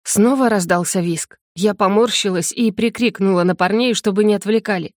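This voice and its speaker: A woman reads a first-person novel in a calm, even narrating voice of middle pitch. The recording is dry and close, with no room sound at all. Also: moderate pace, no room sound. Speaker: audiobook narrator.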